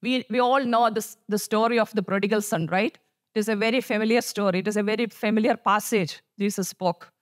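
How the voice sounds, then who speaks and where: A woman preaching a sermon at a church service in an earnest way, often repeating her phrases and saying "you know". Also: fairly high pitch.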